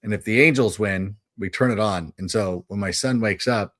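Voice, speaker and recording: A middle-aged man co-hosting a livestream, telling parenting stories in a casual, animated way. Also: lowish voice, normal speed, no room sound, studio quality. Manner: animated storyteller, jumps into voices when quoting. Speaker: livestream co-host. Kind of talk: casual chat.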